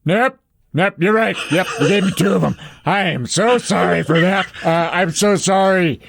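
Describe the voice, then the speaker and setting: A man putting on a gravelly, commanding spy woman. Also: high voice, normal speed, noisy background, voice pushed up. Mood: urgent. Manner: threatening, bossy. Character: tough, commanding woman spy who makes the rules.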